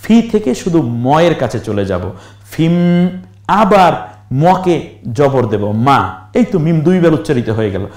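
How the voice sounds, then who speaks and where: A man teaching Quran recitation step by step, spelling out letters slowly and now and then chanting a verse in a stretched tone. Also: fairly high pitch, big pitch swings, darkish tone, reverberant.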